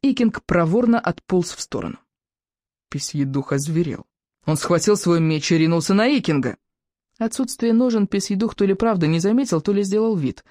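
A woman narrating an audiobook for children in an animated, playful storytelling manner. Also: lowish voice, moderate pace, dry recording, clean studio sound.

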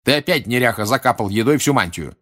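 A man's voice: medium pitch, expressive, fast talker, a bit bright. A man voicing a stern, cold headmaster of a wizard school in a storybook reading, curt and barking. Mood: commanding.

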